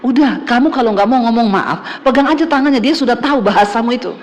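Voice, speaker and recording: A woman preacher lends her voice to the Holy Spirit, calm and firm, giving steady instructions. The voice sits high and rings out. A long reverb trails behind it as if in a large church hall. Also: quick pace, lightly acted. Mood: firm, instructing.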